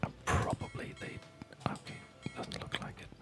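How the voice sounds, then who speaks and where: A gamer narrates their own play in a breathy ASMR whisper, unhurried and musing softly aloud, with music in the background.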